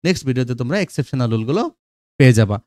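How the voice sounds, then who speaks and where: A man teaching a grammar lesson to students, often checking with "okay?" and reading English examples out slowly. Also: mid-range voice, expressive, a little mellow, no echo.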